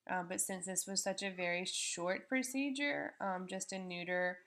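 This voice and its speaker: A woman's voice: medium pitch, moderate pace, fairly bright tone. A woman on veterinary staff gives live explanatory commentary on a procedure, speaking informally and patiently, step by step.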